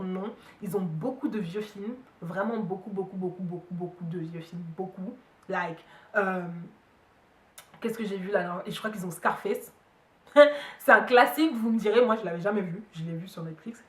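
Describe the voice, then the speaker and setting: A woman's voice: mid-range voice, a bit bright. A young woman from Cameroon, chatting casually to camera about streaming services, full of fillers and asides. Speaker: beauty and hair vlogger. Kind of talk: casual review chat to camera. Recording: roomy echo, mic a bit far.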